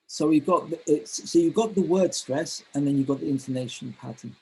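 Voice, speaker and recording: Male webinar trainer, dark husky voice, hesitant delivery full of ums. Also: fairly high pitch, poor audio. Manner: halting, many fillers and restarts. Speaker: teacher trainer giving a webinar. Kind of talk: webinar lecture.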